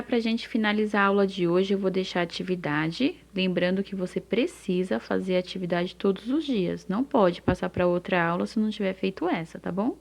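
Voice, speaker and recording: Slow, gravelly-voiced Brazilian woman teacher. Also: mid-range voice. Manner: slow, deliberate, stretches out syllables and checks in often. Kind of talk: recorded literacy lesson for young children.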